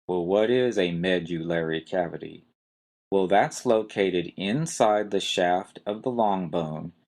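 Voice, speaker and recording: A man hosting a medical terminology podcast, spelling each term letter by letter and pointing out where the stress falls. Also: deep voice. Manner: spells words letter by letter and stresses syllables carefully. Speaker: podcast host teaching medical terms. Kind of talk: slow spelled-out lesson.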